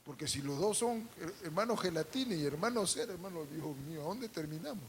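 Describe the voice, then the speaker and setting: A man preaching a sermon to a congregation, calling out for responses, adding humorous asides, and swinging between loud and hushed. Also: on the high side, animated, fairly quick, slight background noise. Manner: calls out to the congregation and asks for responses. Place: church service.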